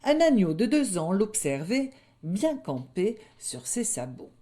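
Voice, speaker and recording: A woman reading a children's story aloud, with an expressive storyteller's delivery. Her pitch rises and falls with plenty of life. She takes her time, letting each phrase land slowly. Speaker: narrator.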